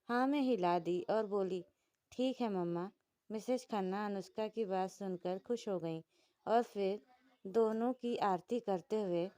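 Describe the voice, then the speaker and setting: A woman narrating a romantic story as a storyteller in a steady, even way. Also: medium pitch, no room sound. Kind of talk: scripted narration.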